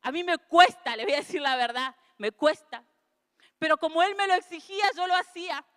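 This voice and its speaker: A woman pastor, preaching an earnest sermon that builds into emotional, tearful shouting. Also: very high-pitched, fairly quick. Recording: long hall reverb.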